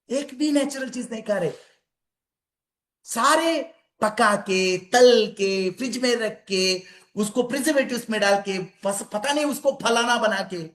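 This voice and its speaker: A man's voice: very high-pitched, a bit bright. A man giving a conversational health talk to an audience, repeating phrases for emphasis and calling his listeners friends. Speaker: health and wellness speaker. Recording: echoey room.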